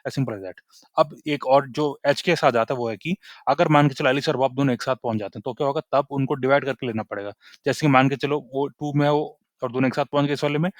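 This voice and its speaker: Young man, brisk casual coding tutor, dry close sound, keeps checking that viewers follow. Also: mid-range voice, no room sound. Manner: chatty, repeats "ठीक है?" after nearly every point.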